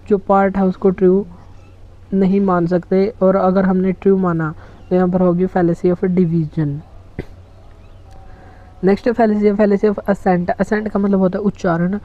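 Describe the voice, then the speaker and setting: A teacher talks through an exam-prep lecture in a flat, level tone. The delivery mixes Hindi explanation with English terms and slows right down for English example sentences. The recording sounds dull and lo-fi. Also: mid-range voice.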